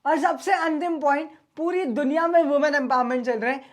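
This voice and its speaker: A man's voice: very high-pitched, a little fast. A man teaching an online exam-prep lecture in a casual, chatty way, mixing Hindi and English.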